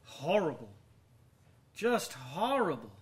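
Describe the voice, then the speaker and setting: This is an actor as a younger man with a fairly high voice and a slow, measured delivery. He is proud and troubled, brooding in formal, dramatic language. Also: big pitch swings, breathy edge, exaggerated voice. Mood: shocked, subdued. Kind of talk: dramatic acted monologue and dialogue.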